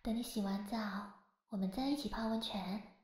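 A young woman doing an ASMR roleplay, talking softly and coaxingly like a caring big sister. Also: fairly high pitch, moderate pace. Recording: echoey, roomy sound.

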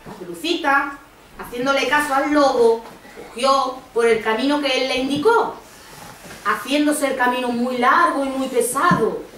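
A woman from Andalusia narrating a fairy tale in an expressive sing-song way to small children. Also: sits high, moderate pace. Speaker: storyteller mother. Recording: echoey school hall from far off, noisy.

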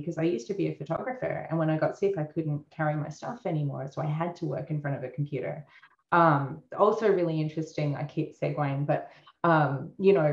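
A woman's voice: sits low, darkish tone, roomy sound, lo-fi sound. A woman artist talking through her work in a thoughtful, hesitant way, with many fillers. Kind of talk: casual conversation.

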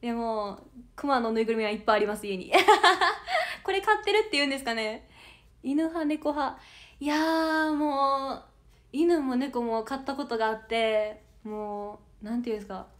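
Bubbly high-voiced young woman, Kansai accent. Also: normal speed. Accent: Kansai Japanese. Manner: bubbly and giggly, with frequent laughter. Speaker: idol audition candidate livestreaming. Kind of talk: casual livestream chat reading viewer comments.

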